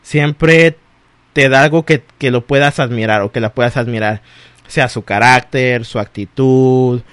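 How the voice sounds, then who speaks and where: A man, co-hosting a casual chat, animated and laughing often. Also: medium pitch, a little slow, smooth, no room sound. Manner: animated, laughs often, acts out quoted voices. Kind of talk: casual chat about exes.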